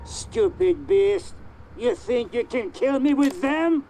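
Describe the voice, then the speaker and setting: Slow, menacing, high-pitched taunting enemy. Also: male voice, lively intonation, mellow, slight background noise, exaggerated voice. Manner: taunting, drawn-out delivery.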